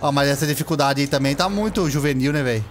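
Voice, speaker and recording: A young man with a Brazilian accent giving casual, excitable gameplay commentary, full of slang, shouting and laughing at the game. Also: on the high side, quick pace, music in the background. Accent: Brazilian Portuguese. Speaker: gameplay streamer.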